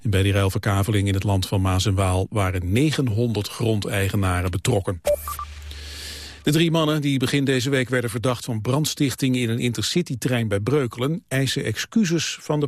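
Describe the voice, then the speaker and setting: A male newsreader reading the radio news in a steady, measured way. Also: medium pitch, dry recording, clean studio sound. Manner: even, measured delivery. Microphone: studio microphone.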